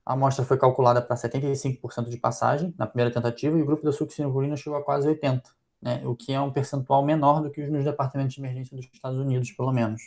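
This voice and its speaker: A man's voice: medium pitch, level tone, very fast, a little mellow. A man with a Brazilian Portuguese accent, a physician presenting a journal club critique, thinking aloud with frequent fillers.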